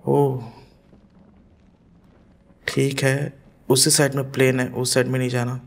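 A man hosting a gaming channel, giving horror gameplay commentary in a deliberately quiet, hushed voice with nervous self-talk as he explores. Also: mid-range voice, monotone, creaky.

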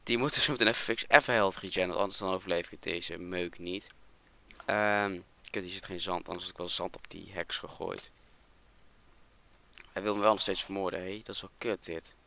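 A young man with a Dutch accent commentating his Minecraft let's play, excitable and quick to swear. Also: low voice, creaky. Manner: excitable, swears in rapid strings. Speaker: gaming channel host.

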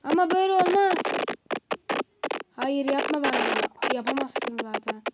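A woman giving live commentary on her own football video game, excitable and easily frustrated, shouting when goals come. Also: high-pitched, moderate pace. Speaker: gaming video creator. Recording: loud background noise.

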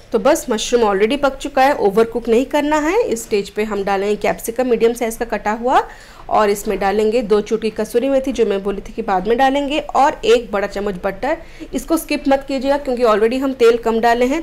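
A woman from Odisha, India, hosts a cooking channel and walks through a home recipe step by step, friendly and instructive, mixing in English words. Her voice is fairly high with a darkish tone.

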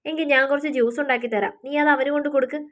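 A tired middle-aged mother gives plain, matter-of-fact instructions, as a woman storyteller puts her on. The voice stays high and close to the narrator's own. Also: steady tone, fast talker, natural voice. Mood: weary.

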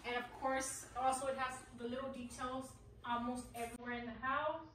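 High, chatty woman touring an echoey empty house. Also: flat delivery, fairly quick, fairly bright tone, slight background noise. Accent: Texan. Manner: chatty, enthusiastic, walking room to room. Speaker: family vlogger giving a house tour. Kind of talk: casual house-tour vlog. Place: large empty house, indoors, Texas. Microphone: camera held at a distance. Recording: echoey empty rooms, voice from far off.

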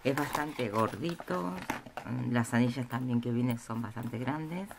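Woman, slow, hesitant, casual show-and-tell, noisy tabletop recording. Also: a bass voice. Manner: slow, hesitant, with many pauses and fillers. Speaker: craft vlogger showing a haul. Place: indoors at a table. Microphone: camera over a tabletop, speaker off-screen. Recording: noisy room with crinkling packaging.

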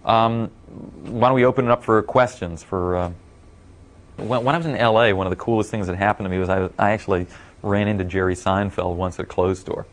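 A middle-aged man telling a casual story at a talk, rambling with many fillers and getting animated when he quotes others. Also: on the low side, brisk. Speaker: speaker at a talk.

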